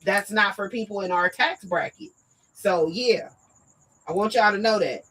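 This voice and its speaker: A woman hosting a live talk show, talking directly and emphatically to her viewers, her voice going hoarse. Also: medium pitch, a little slow, fairly bright tone, poor audio. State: losing her voice. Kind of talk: casual live-stream talk.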